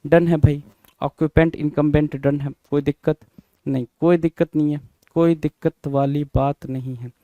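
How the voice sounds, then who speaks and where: A man's voice: on the high side, steady tone, moderate pace, dry recording, narrow, tinny audio. Man teaching vocabulary, spelling words aloud. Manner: repeats words, spells them out letter by letter, asks and answers himself; informal, addresses students as brother. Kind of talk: exam-prep lesson, call and response.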